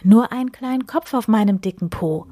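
A woman voicing a friendly, magical male snowman spirit in a read-aloud children's story, with a soft, breathy and mysterious way of speaking. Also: mid-range voice, brisk, no room sound, studio quality, voice pushed up, lightly acted. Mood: amused.

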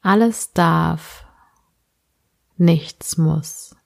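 Woman, sleep meditation narrator, very slow pace, gentle soothing delivery, creaky low-energy edge, drawn-out phrases. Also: no room sound, clean studio sound. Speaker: podcast host and meditation guide.

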